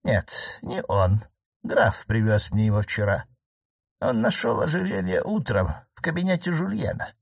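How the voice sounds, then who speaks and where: A man's voice: lowish voice, big pitch swings, unhurried, vocal fry, breathy edge, no echo, exaggerated voice. A man voicing a poised ironic old marquise. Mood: calmly reasoning. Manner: composed, gently mocking. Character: calm, ironic elderly aristocratic aunt, a marquise. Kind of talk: audiobook character reading.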